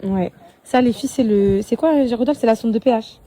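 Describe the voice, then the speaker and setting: Filming a phone story in her kitchen and garden, a young mother who works as a lifestyle influencer chats bubbly and gushing to her followers. Her mellow voice is on the high side and fairly quick, recorded on a handheld phone.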